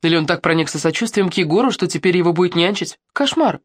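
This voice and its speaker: A woman reading a first-person youth novel aloud as an audiobook, in a lively, expressive way. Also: lowish voice, fast talker, breathy edge, no room sound, clean studio sound. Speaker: audiobook narrator.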